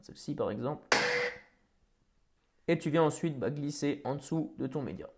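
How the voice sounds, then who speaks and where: Man in tutorial voice-over, a bit high, loose and chatty with fillers. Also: normal speed, very noisy. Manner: casual, many fillers and restarts. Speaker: tutorial host. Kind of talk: screen-recorded software tutorial.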